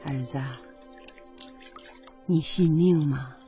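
Over a music bed in a dull-sounding radio drama, a woman gives a full character voice as a weary, devoted mother in middle age. Her low, warm voice moves extremely slowly, earnest and plaintive with a homely touch, the mood tender and grave.

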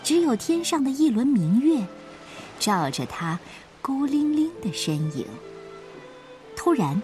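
A woman tells a children's story with lively, expressive reading, her pitch sitting a little high. Her voice rises and falls freely across the story. Soft music plays in the background. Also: takes it slowly.

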